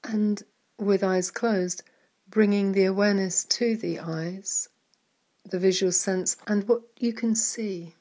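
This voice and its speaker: Slow and gentle, a medium-pitched female voice leads listeners through a mindfulness meditation. The tone stays calm throughout, with certain words drifting off into whispers.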